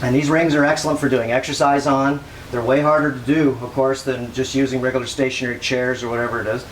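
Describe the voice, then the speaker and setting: A man's voice: medium pitch, flat delivery, fast. Man casually coaching stretches, noisy background. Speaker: workout host. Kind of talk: casual exercise demonstration. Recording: clearly noisy ambient background.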